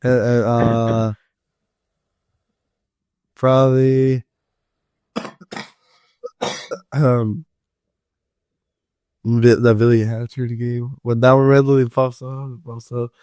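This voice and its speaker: A man's voice: medium pitch, level tone, extremely slow, pauses often, a little mellow, smooth, no echo. A young man co-hosting a casual podcast with loose, joking, slangy banter. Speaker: podcast co-host. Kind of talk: casual chat.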